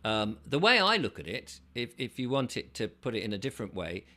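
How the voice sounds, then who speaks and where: A man's voice: medium pitch, very animated, a little fast, pushed and bright. A man hosting his own video channel, talking unscripted and explaining his ideas step by step in an earnest way. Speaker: channel host. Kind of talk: unscripted solo video monologue.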